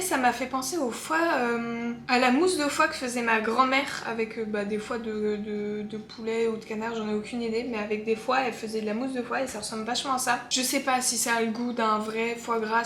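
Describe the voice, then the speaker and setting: A young food-tasting vlogger chats casually while sampling food, candid and full of fillers. Her voice is fairly high and a bit bright. The room is echoey, with a faint hum in the background.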